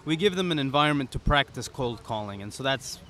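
A young man, a startup founder being interviewed on a podcast, talking in a relaxed way with many "you know"s. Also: mid-range voice, brisk, a little hiss or hum. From Serbia, raised in the UAE. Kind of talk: casual interview. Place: pop-up studio at a conference.

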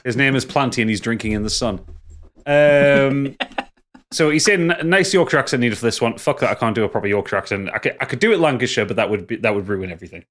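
A man's voice: medium pitch, expressive, fast, fairly bright tone. A man hosting a podcast, reading listener stories aloud with mock drama and frequent laughter. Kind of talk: casual chat and reading aloud.

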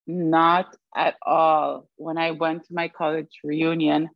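A young woman raised in Sweden as an interview guest, reflective and quick to laugh. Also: low voice, little pitch movement, no echo, lo-fi sound. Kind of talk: conversational interview.

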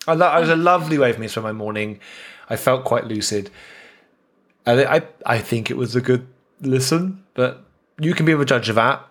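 A man chats on a podcast, cracking jokes and spinning anecdotes. His voice sits at an ordinary middle pitch, and he talks in a loose, playful way. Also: a little fast. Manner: jokey storytelling, animated impressions. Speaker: podcast co-host. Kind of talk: casual chat.

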